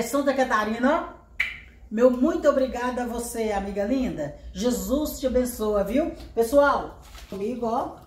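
A woman vlogger chatting casually to her viewers, exclaiming warmly over each gift she unpacks. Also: fairly high pitch, a little hiss or hum. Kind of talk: casual unboxing chat. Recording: echoey room.

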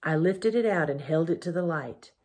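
Husky lady teacher reading a chapter book, calm, kinda low voice. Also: moderate pace. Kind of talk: storybook reading.

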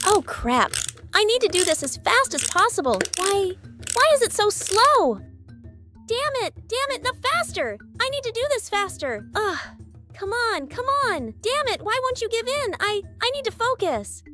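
A woman's voice: very high-pitched, sing-song, moderate pace, sharp tone, faint music behind, heavily acted. A woman voicing Anxiety, a frantic overworked female emotion who stammers and gets flustered, in a fan comic dub.

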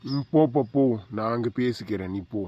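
A man's voice: fairly low pitch, steady tone, moderate pace, dry recording, lo-fi sound, lightly acted. A man voicing a scolding middle-aged husband in a cartoon. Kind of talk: cartoon voice acting.

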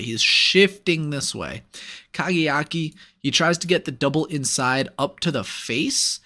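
A man's voice: mid-range voice, bright, forceful tone. A man giving a casual, analytical voice-over breakdown of sumo matches, upbeat and with playful asides. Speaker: sumo commentator. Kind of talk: casual play-by-play video breakdown.

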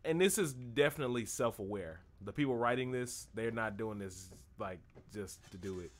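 A young gaming streamer with a lowish voice talks at a moderate pace, offering casual gameplay commentary. His chat is rambling and jokey.

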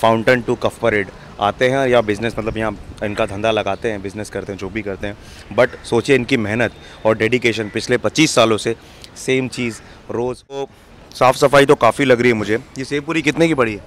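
A young man hosting a casual street food vlog outdoors, asking quick questions and praising the food with enthusiasm. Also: on the low side, fairly even intonation, a little hiss or hum. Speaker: food vlogger host. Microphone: handheld lapel mic.

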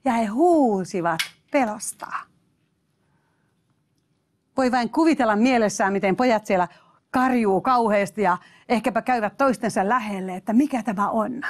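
A woman preacher giving a sermon, emphatic, exclaiming hallelujahs and speaking straight to her listeners. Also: on the high side.

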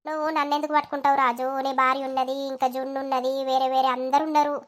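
A woman's voice: high voice, little pitch movement, quick pace, close to an everyday voice. A woman voicing a tearful, defensive village woman with a Telangana accent. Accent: Telangana Telugu. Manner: defensive, wounded. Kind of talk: animated village comedy dialogue.

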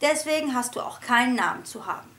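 A woman voicing a grumpy, jealous female family dog in a storybook reading, speaking curtly and scolding in a lowered voice. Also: lively intonation, fast talker, a bit bright. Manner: curt, scolding.

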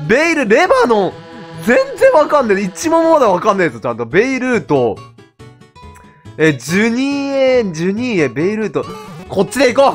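A man giving casual, excitable commentary while playing a platform game, laughing and talking to himself as he goes. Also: high voice. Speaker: game streamer.

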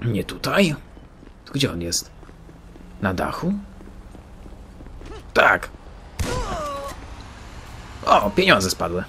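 A man commentates on his gameplay in a joking, mock-boastful way, his low voice gravelly and swinging widely in pitch. Loud game sounds of engines and sirens run behind him. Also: big pitch swings, drawn-out words, pauses often, a little hiss or hum.

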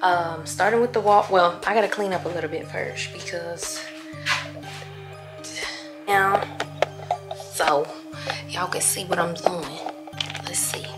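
A woman with a lowish voice speaks slowly, leaving long pauses, while loud music plays behind her. She's a home renovation vlogger chatting casually and directly to her viewers as she fixes up a room indoors at home.

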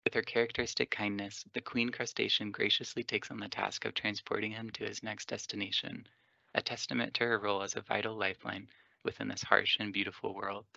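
A man reads documentary-style narration in a low, monotone voice with a gravelly, forceful edge. The recording is dry and close. It has a dull, lo-fi sound. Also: a little fast, no echo. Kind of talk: scripted nature-documentary narration.

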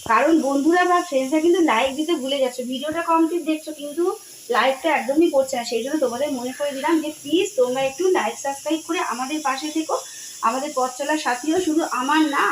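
A woman's voice: high voice, fast talker, low-quality recording. A middle-aged woman, a mother cooking at home for her vlog, chatting casually and checking that viewers follow along. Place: home kitchen. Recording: kitchen background noise.

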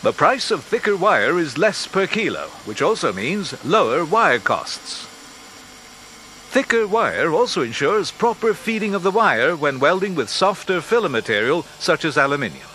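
A man narrating an industrial training film in a measured, instructive way, as a studio voice-over. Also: fairly high pitch, big pitch swings, bright, forceful tone, a little hiss or hum. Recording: faint music behind narration.

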